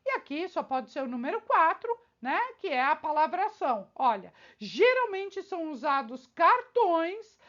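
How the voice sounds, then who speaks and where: A woman's voice: high-pitched, big pitch swings, a little slow, few pauses, fairly bright tone, muffled recording. A woman teacher working through exam questions in a lesson, speaking straight to the viewer and checking in with many rhetorical questions. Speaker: teacher preparing students for civil service exams.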